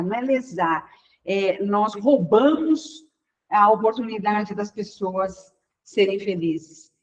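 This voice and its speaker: A woman's voice: mid-range voice, a little mellow. Chatty Brazilian woman giving a spiritual talk. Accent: Brazilian Portuguese. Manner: chatty, acts out everyday dialogue and addresses the audience directly. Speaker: lecturer at a spiritist center. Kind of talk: informal spiritual lecture. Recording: slightly dull lo-fi recording.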